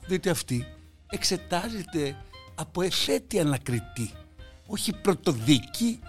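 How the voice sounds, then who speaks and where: A man delivering a mocking satirical monologue, swinging between loud outbursts and hushed asides. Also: medium pitch. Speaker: satirical commentator.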